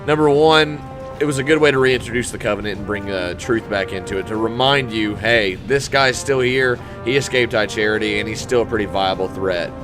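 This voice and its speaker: Man commentating over loud game music. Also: fairly low pitch, brisk. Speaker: gamer commentator. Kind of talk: casual game walkthrough commentary. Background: loud game music and vehicle sounds.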